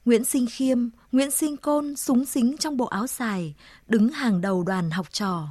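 A woman narrating a story in a slow, measured, solemn reading. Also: a little high, a little mellow, no room sound, studio quality.

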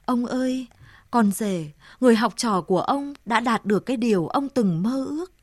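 A woman's voice: fairly high pitch, animated, moderate pace, no echo, clean studio sound. A woman voicing a sorrowful old grandmother, murmuring tenderly to her dead daughter in a storybook reading. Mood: grieving. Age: older.

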